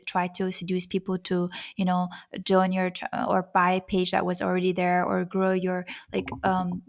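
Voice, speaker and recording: A woman speaks as an interview guest. Her mid-pitched voice has a creaky edge and fairly level intonation, and she explains her points earnestly in a conversational way. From Azerbaijan. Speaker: interview guest, YouTuber and etiquette coach.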